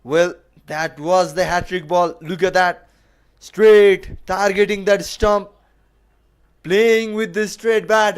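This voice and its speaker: A male cricket commentator with a notably high, clean and smooth voice. He calls live play ball by ball and repeats key phrases for emphasis.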